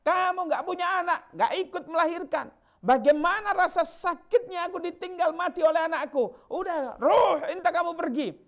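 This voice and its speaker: Grieving mother, bitter and wailing, pitched high, played by a male preacher. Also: moderate pace, vocal fry. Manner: high, loud, wailing complaint.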